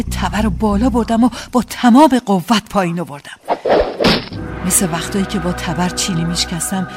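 A woman reading a first-person story aloud in a dramatic, tense storytelling manner. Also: medium pitch. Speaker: audiobook narrator.

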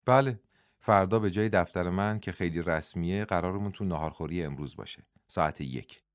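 A man voicing a reserved male army colonel in an audiobook, speaking quietly and measuredly. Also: sits low, smooth, no echo, natural voice. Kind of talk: audiobook dialogue.

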